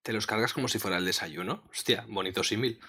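A man's voice: on the low side, fast talker, background noise. A man hosting a casual gaming podcast, joking and swearing with friends. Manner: crude, joking, laughs often. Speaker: podcast host. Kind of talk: casual banter.

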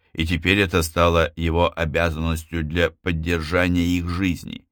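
A man with a deep, low voice narrates an audiobook, recorded close and dry with no room sound. His reading is expressive and often jumps up in pitch to stress a word. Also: dry recording.

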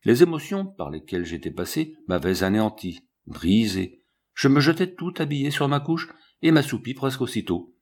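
A man reading an audiobook aloud in an expressive storytelling manner, with a husky voice. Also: medium pitch, normal speed. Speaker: audiobook reader. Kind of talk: audiobook narration.

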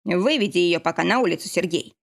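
A woman's voice: lowish voice, expressive, brisk, gravelly. A woman reading the lines of an anxious, protective young husband in an audiobook, asking insistent questions. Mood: gentle.

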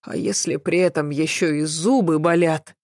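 A woman reading a first-person story as an audiobook narrator, in a measured, even storytelling delivery. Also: sits low, no room sound, studio quality.

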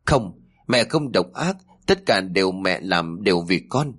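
A man voicing a cruel, frantic woman in a horror story, shrill and sobbing. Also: very animated, measured pace, fairly bright tone, breathy edge, heavily acted. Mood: pleading.

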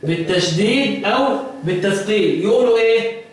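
A man with an Egyptian Arabic accent teaching the Quranic readings, quizzing his students and chanting verses slowly. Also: sits high, animated. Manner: quizzing students with repeated questions. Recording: echoey room, distant mic, faint noise.

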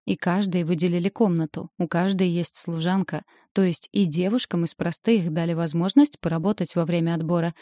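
A woman reads a first-person fantasy audiobook in an even, storytelling manner. Her voice is low and warm. The recording is dry and close. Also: fairly quick, few pauses, no echo. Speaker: audiobook narrator. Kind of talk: scripted narration of a fantasy novel.

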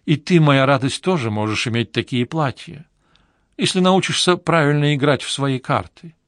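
A brassy, flirtatious showbiz woman who gushes and teases in a high, sing-song voice, as a male audiobook narrator puts her on. Dry, close recording with no room sound. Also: normal speed, fairly bright tone, no room sound. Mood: bossy. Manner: gushing, teasing, theatrical. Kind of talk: audiobook character voice.

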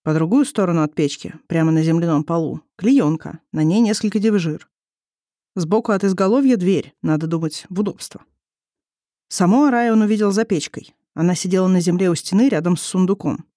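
A reader narrating a story in a steady, descriptive way. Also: mid-range voice, brisk, no echo, studio quality. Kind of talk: audiobook narration.

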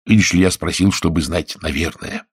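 Scheming stout husband read by a man, deep, husky, hushed and secretive, audiobook. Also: normal speed. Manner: hushed, conspiratorial, often half-whispered.

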